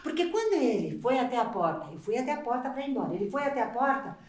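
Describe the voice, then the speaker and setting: An actress playing an overworked, exasperated housewife on a theater stage, swinging from hushed pleading to shrill outbursts. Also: female voice, very animated, fast talker, roomy sound. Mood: recounting. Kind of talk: live stage theater acting.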